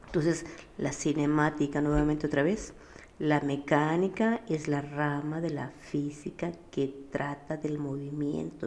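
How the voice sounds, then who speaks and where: A woman's voice: lowish voice, dark tone. A woman teacher, patiently explaining a physics lesson and often checking that her students follow. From Mexico. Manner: patient, keeps checking with a questioning "sí?".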